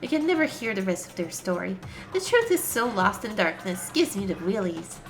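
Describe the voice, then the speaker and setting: A woman's voice: mid-range voice, sing-song, moderate pace, over music. A woman voicing a mischievous robot bear villain from a video game, smug, taunting and theatrical. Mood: theatrical, mocking. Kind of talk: video game character read-aloud.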